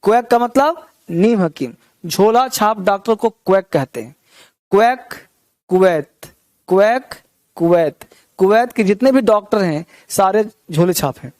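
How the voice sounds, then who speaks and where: A man teaches English vocabulary. He drills each word with rhymes and repeats it slowly, asking his listeners quick questions. The recording is close and dry. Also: sits high, expressive, darkish tone, no room sound. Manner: repeats words with rhymes and memory tricks, asks the class questions. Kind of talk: vocabulary lesson.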